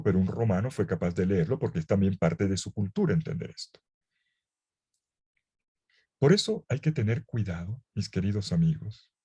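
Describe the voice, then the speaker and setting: A man, a priest giving a lively Bible lecture, full of playful, ironic asides. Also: lowish voice, breathy edge. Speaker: priest teaching a Bible course.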